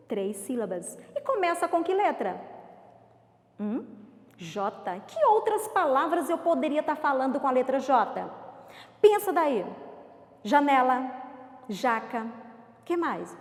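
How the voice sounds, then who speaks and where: A woman teacher with a Brazilian accent gives a playful home-school lesson to young children, counting aloud and asking questions. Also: high-pitched. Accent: Brazilian Portuguese. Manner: reads words slowly and syllable by syllable. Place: home room. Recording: echoey room with long reverb.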